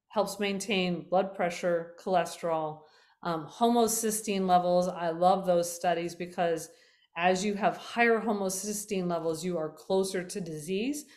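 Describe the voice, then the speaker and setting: A middle-aged woman talks casually to her viewers about health, chatty and loose, stopping often to correct herself. Her voice is slightly worn, as if she is losing it, and sits at an ordinary middle pitch. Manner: chatty, with many fillers and self-corrections. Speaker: health talk host.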